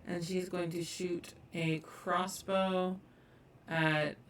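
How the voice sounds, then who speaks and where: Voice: medium pitch, flat delivery, extremely slow, a bit bright, far from the mic, a little hiss or hum. A tabletop game player talking through their turn hesitantly, thinking aloud. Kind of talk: casual tabletop game talk. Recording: echoey room, off the mic.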